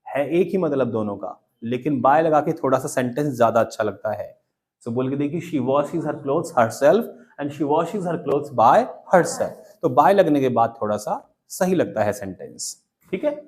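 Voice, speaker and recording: A man's voice: mid-range voice, darkish tone. A man teaching a spoken English class in a classroom, drilling students by asking them to repeat phrases. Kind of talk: classroom lesson in Hindi and English.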